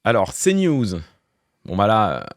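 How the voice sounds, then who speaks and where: A man's voice: fairly low pitch, huge pitch swings, measured pace, no room sound, studio quality. A man streamer giving casual live-stream commentary, thinking aloud with fillers and restarts. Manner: talks through thoughts with fillers and restarts, wry laughs.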